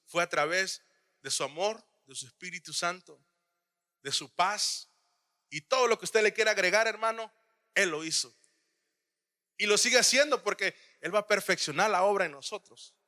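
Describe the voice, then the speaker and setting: A man preaching a sermon to his congregation, often calling them brother and swinging between loud cries and hushed asides. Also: sits high, animated, moderate pace, long reverb tail. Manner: addresses listeners as "hermano", swings from loud to hushed.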